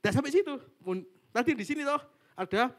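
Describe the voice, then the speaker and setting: A young man telling a casual testimony to a church cell group over a video call, animated and laughing often as he acts out what people said. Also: extremely high pitch, fairly quick.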